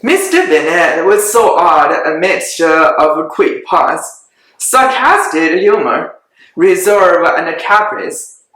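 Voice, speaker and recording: A man's voice: fairly high pitch, lively intonation, slow, sharp tone. A man narrating a classic novel as a scripted reading. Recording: very echoey room.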